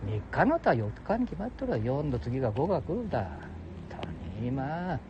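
Gruff older man, heavy ramble. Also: a little high, sing-song, normal speed, highs cut off, noisy background. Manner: gruff, jokey, talks to listeners as "お前". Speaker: solo audio show host. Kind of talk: rambling casual monologue. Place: outdoors beside a public toilet.

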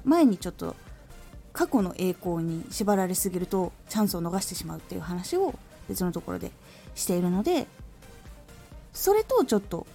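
A woman hosting a solo talk podcast, calmly and thoughtfully explaining her advice as a former voice actor. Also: on the low side, gravelly. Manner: calm, reflective explaining. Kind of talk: solo talk radio monologue.

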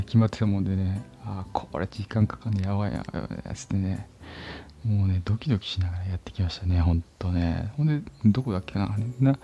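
A man's voice: lowish voice, mellow. A man hosting a casual solo chat show, rambling with many fillers and sometimes dropping to a whisper. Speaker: podcast host. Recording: dull lo-fi phone recording.

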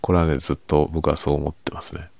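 A man chatting casually and quietly by himself late at night, musing and giving his opinions in a low-key way with softened sentence endings. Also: little pitch movement, fast talker, creaky, no room sound. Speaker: writer chatting as host.

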